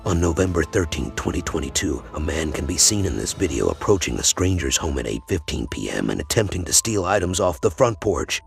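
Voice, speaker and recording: A man delivers scripted crime-clip narration in a very low voice. It has a gravelly, creaky edge, and soft music plays underneath. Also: sing-song, fairly quick, few pauses.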